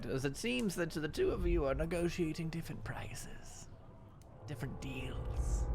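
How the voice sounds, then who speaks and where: A man voicing a sly, mock-sweet old hag in a tabletop game, with a creaky crone's voice and drawn-out words. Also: mid-range voice, fairly bright tone, a little hiss or hum. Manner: slow, drawn-out, mock-sweet "dearie" talk. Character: sly old hag woman bargaining over curses. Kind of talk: in-character tabletop role-play.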